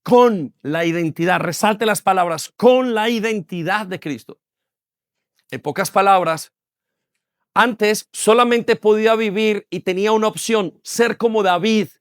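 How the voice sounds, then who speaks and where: A man in his forties preaching a sermon with an emphatic, repetitive rhythm. His voice sits notably high for a man, and the sound is close and dry with almost no room echo. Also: measured pace, a bit bright, clear, resonant tone. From Colombia. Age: 40s. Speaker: pastor. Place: church hall.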